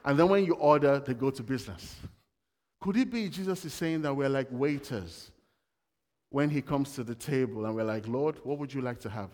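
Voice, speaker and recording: A man's voice: medium pitch, moderate pace, a little mellow, in a large hall. A man giving a sermon in a conversational way, telling everyday stories and asking the congregation questions. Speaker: preacher.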